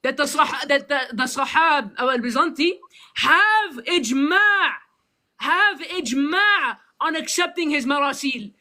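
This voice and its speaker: A man's voice: extremely high pitch, animated, a little slow, pushed and bright. A man in a heated online debate, combative and mocking, reading sources aloud to score points.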